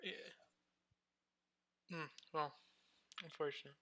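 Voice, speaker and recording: A man's voice: a little high, fairly even intonation, slow pace, bright, forceful tone, slight background noise. A man playing a tabletop game who talks casually, stumbling and laughing as he thinks aloud. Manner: hesitant, giggly, stumbling. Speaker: player.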